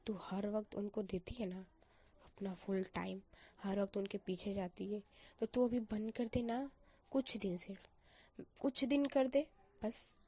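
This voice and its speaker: A woman's voice: mid-range voice, fairly even intonation, unhurried, mellow. A woman voicing a young female college student, a blunt but caring best friend who lectures firmly and coaxes. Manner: firm, coaxing, lecturing. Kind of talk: storyteller voicing a character.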